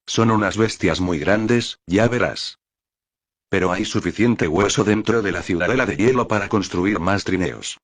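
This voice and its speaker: Man doing a calm folksy Yorkshire man, rich and philosophical, deep voice, dry sound. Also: unhurried, no room sound. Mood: reflective. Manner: calm, folksy, calls others lad.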